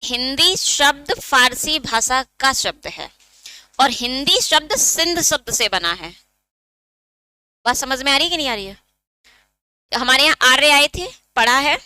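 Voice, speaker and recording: A woman's voice: sits high, sharp tone, dry recording. A woman teacher giving an exam-prep lesson, explaining step by step and asking her students questions that she answers herself.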